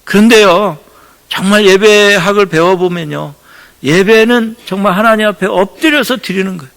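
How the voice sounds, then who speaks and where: A man pastor preaching a Sunday sermon in a church, earnest and storytelling, acting out quotes with lively voices. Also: high-pitched, moderate pace, creaky, long reverb tail. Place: church sanctuary.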